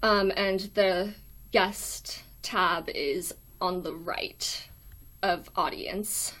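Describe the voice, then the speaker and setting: A woman's voice: fairly low pitch, fairly even intonation, very slow, fairly bright tone. A young adult woman from the United States with a weak, thin voice, hosting a casual livestream in a hesitant, apologetic way. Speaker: live stream host. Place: small dorm room.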